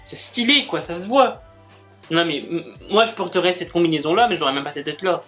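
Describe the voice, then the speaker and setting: A man's voice: on the high side, brisk, sharp tone, faint music behind. A man chatting casually as he unboxes gifts, gushing and exclaiming as he goes. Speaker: book and manga YouTuber.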